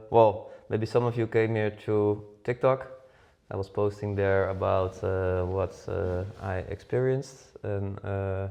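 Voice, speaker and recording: A man's voice: fairly low pitch, a little mellow, highs cut off. A Dutch man in his forties co-hosting a podcast, chatting casually with many fillers and restarts. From Netherlands. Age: 40s. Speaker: podcast co-host. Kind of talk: casual chat.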